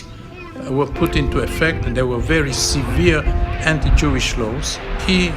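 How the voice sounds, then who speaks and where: An older man from Bulgaria speaks in a fairly high voice for a man, telling his story slowly with thoughtful pauses. A research scientist being interviewed, with soft music playing underneath. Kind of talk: documentary interview.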